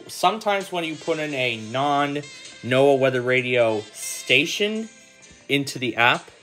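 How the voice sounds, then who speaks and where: Thinking aloud as he steps through a hands-on app demonstration indoors, the host of this casual tutorial speaks with a medium-pitched, fairly bright voice.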